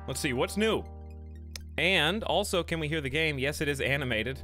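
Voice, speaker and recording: A man with a cold live-streams a game from home on a desk mic, chatting casually, greeting viewers, and joking. His voice is a little high, expressive, and sharp in tone at normal speed, with faint game music in the background.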